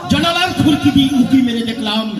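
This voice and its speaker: A man acting a lecherous, boastful, menacing villain in hammy, declamatory folk-theatre style, with drawn-out words and sudden swells. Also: very high-pitched, expressive, recorded from a distance. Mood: leering, gloating. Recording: echoey stage PA from afar, music, crowd.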